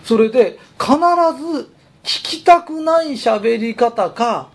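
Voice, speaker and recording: Husky-voiced company president, lively delivery. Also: male voice, very high-pitched, slow. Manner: chatty, emphatic, persuasive storytelling. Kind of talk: casual motivational talk.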